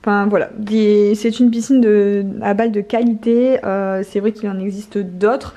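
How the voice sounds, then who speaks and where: A woman's voice: medium pitch, level tone, normal speed, mellow. A woman with a Northern French ch'ti accent chatting casually in a family vlog, hesitating often with fillers. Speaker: family vlogger.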